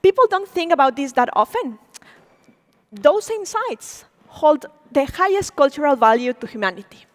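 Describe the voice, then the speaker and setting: On a big auditorium stage, a program director in her forties whose first language is Spanish delivers a lively public lecture and poses questions to the crowd. Her voice is high and her speed normal, picked up by a stage mic as she moves, with long hall reverb.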